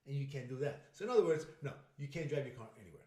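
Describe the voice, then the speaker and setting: A man co-hosting a podcast in casual chat, telling stories with lively acted-out quotes. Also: mid-range voice, very fast. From United States. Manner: animated storyteller, acts out quotes. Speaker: podcast co-host. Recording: roomy echo.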